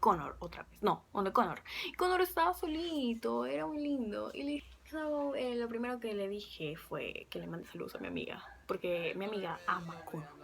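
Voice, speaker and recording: A young woman casually telling a fan story to camera, chatty and excitable, sometimes dropping to a whisper. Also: a little high, moderate pace, creaky. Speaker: fan vlogger.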